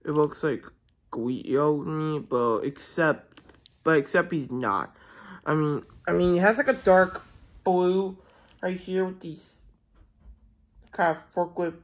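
This casual at-home unboxing of toys is shot on a handheld phone, with the reviewer excitedly rambling, hesitating, and restarting a lot. Pitch is medium, and the recording is rough.

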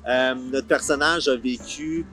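This Ottawa-born man in his forties, the creator of a series, speaks at a measured pace in a mid-range voice with a Franco-Ontarian accent. Interviewed on an outdoor park film set, he's colloquial and mixes in English words, over a soft music bed.

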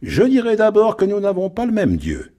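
Guy doing a greedy shipowner, metallic sneering voice, pitched up, animated. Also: normal speed, full character voice. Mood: gloating. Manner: mocking, gloating. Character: greedy scheming middle-aged male shipowner.

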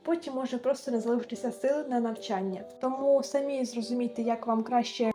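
A young woman in her late teens, earnestly giving gentle advice as a vlogger. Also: fairly high pitch, fairly even intonation, brisk. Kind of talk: advice vlog narration. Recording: echoey room with music underneath.

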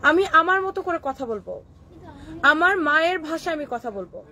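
A woman's voice: high voice, animated, moderate pace, bright, forceful tone. A woman with a Kishoreganj Bengali accent from Bangladesh, scolding viewer comments on a live stream and mixing English words into her Bengali. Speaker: clothing shop owner hosting a live stream.

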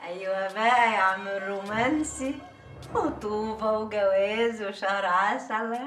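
A woman's voice: medium pitch, a little slow, fairly bright tone, roomy sound, recorded from a distance, faint music behind, natural voice. An actress playing a scheming, playful female friend who teases in an Egyptian Arabic accent.

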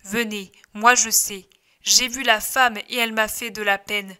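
Woman reading as a shepherd, male, kindly, eager, urging, bright tone, audiobook figure. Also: high-pitched, fairly even intonation, measured pace, clear, resonant tone, full character voice.

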